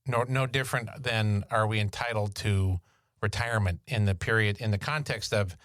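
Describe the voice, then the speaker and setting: A man with a fairly low voice co-hosting a podcast and tossing in dry, sarcastic one-liners. He sounds relaxed and conversational. The close mic gives a dry, echo-free sound. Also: normal speed. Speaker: podcast co-host. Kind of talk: casual chat.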